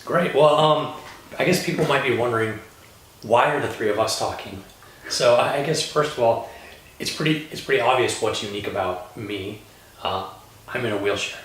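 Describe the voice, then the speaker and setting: A man from Colorado, a lawyer, hosting a relaxed panel chat, talking with many fillers and pauses. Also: mid-range voice, a little hiss or hum. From Colorado, USA. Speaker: host, lawyer. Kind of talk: casual panel conversation. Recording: roomy echo, distant mic.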